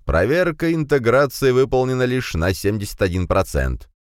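A man's voice: medium pitch, sing-song, moderate pace, clear, resonant tone, no room sound, clean studio sound, pitched above the performer's own voice, close to an everyday voice. A man reading a storybook, voicing a careful male technician who explains things. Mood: cautious. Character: knowledgeable male technician, cautious.

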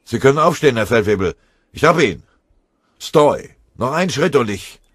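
A man's voice: sits low, moderate pace, darkish tone, dry recording, clean studio sound. A man voicing a tough, bold German corporal in a wartime audiobook, barking orders. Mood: shouting commands.

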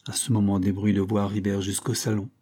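A man's voice: on the low side, flat delivery, fast talker, mellow, slightly rough. A man narrating an adventure novel as an audiobook, with dramatic storytelling. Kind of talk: scripted narration.

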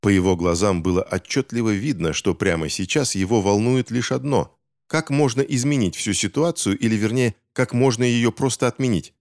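A man reading a novel aloud as an audiobook narrator, with expressive storytelling. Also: lowish voice, moderate pace. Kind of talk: scripted narration.

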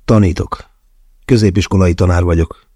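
A man voicing a gruff, rough-mannered male teacher in an audiobook, with a curt, reluctant manner. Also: low-pitched, steady tone, dark tone, no room sound, clean studio sound.

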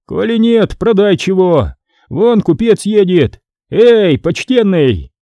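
A man's voice: high-pitched, big pitch swings, slow, mellow, dry recording, voice pushed up, full character voice. A man doing a stern, threatening medieval scribe. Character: harsh greedy medieval tax scribe, man.

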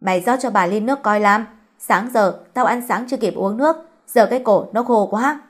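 Brief: woman doing a cranky old landlady type, shrill, quick-tempered scolding. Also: close to an everyday voice. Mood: irritable. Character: harsh old female mistress, scolding and bad-tempered.

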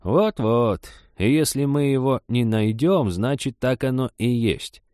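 A nosy old village woman barks orders and waves off every objection with scorn, as a man puts her on. The voice sits high and loud above a low, mellow reader's tone. It is a dry, close audiobook recording. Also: measured pace, dry recording, natural voice. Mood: bossy. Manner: pushy, scornful.

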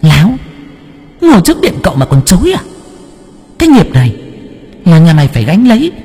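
A husky, high voice scolds and commands: a man acting out a possessed spirit medium in an audiobook. The medium is stern and mocking. The pitch swings widely and rings with long reverb. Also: very animated, normal speed, warm tone, soft background music, heavily acted. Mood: stern scolding. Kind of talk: audiobook character voice.

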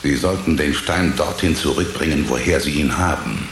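An actor playing a calm, menacing tenant in a radio drama, speaking slowly and measuredly in a gravelly voice. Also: male voice, very deep voice, roomy sound, a little hiss or hum. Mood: cold. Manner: slow, measured, unbothered. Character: calm, menacing male tenant, brief and cold.

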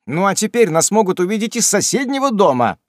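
A man voicing a brisk, blunt, loyal manservant who talks loudly and urgently. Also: sits high, very animated, dry recording, clean studio sound, voice pushed up. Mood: scolding.

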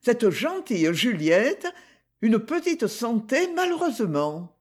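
A man's voice: very high voice, very animated, slow pace, voice pushed up, full character voice. A man reading a novel aloud, voicing a kind, talkative elderly Englishwoman who speaks with compassion. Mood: compassionate. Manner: warm, compassionate. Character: kind, chatty old Englishwoman.

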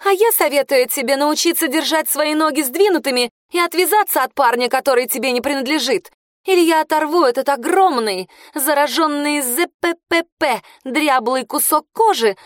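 A woman acts out a bold, cutting high-school girl in an audiobook. Her taunts come brash and crude, in a voice pitched slightly high and recorded dry. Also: normal speed, few pauses, dry recording, close to an everyday voice. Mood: threatening.

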